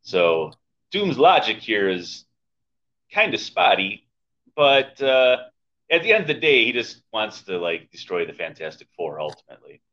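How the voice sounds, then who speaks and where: In a casual comic book review chat, this podcast co-host talks wryly and conversationally at a measured pace. His fairly low, fairly bright voice has big pitch swings, and the lo-fi microphone gives the recording a dull sound.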